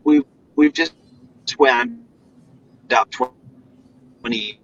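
A man's voice: medium pitch, very slow, a bit bright. An Australian man, a real estate agent in a casual chat on a video call, whose audio glitches and cuts out. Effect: glitchy audio cutting out. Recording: distant, dull video call with faint hiss.

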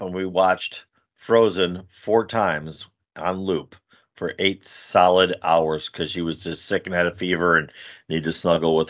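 Older male host, relaxed and hesitant, deeper voice, dull recording. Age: older, a grandfather. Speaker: podcast host. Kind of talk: casual morning show chat. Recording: dull lo-fi sound.

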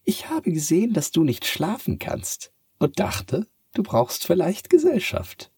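Guy doing a sly purring moon cat, way up high, husky, slow and drawn out. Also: huge pitch swings, a little mellow, dry recording, studio quality, exaggerated voice. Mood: teasing. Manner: purring, drawn-out teasing delivery. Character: sly teasing cat from the moon, calm and kind.

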